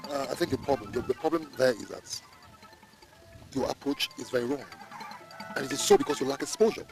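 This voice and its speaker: A man with a Nigerian accent playing a young man back from overseas who argues calmly and firmly in a film. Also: medium pitch, fairly quick, faint music behind, natural voice. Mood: defiant. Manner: calm, argumentative, polished. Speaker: Obinna, a returned suitor. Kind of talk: Nollywood film acting.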